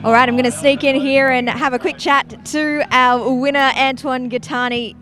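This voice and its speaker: A woman interviewing race drivers after a race, upbeat and quick with her questions. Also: high voice, steady tone, fairly bright tone. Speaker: pit lane interviewer.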